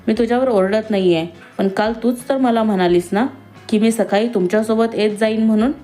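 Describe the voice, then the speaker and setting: A woman's voice: fairly high pitch, fairly even intonation, fairly quick, faint music behind, lightly acted. A woman voicing a stern, short-tempered male boss. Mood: irritated. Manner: sharp, scolding, raises his voice.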